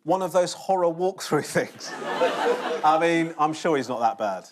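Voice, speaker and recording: A man's voice: on the high side, animated, a little slow, heavy background noise. A man hosting a comedy panel show with dry joking delivery. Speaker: host. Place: TV studio with audience.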